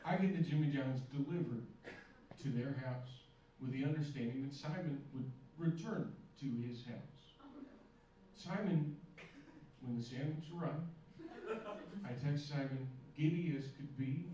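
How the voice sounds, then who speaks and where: Deadpan man doing stand-up. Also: mid-range voice, unhurried, lo-fi sound. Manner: deadpan, dry self-deprecating delivery. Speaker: stand-up comedian. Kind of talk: stand-up set. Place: comedy club stage with a laughing audience. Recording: roomy, distant, noisy club recording.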